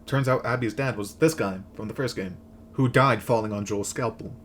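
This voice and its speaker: A man's voice: medium pitch, moderate pace, fairly bright tone, slight background noise. A man delivering a scripted comedic rant as host, with sarcastic, crude, slangy jokes. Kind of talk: comedic rant recap of a video game, scripted narration.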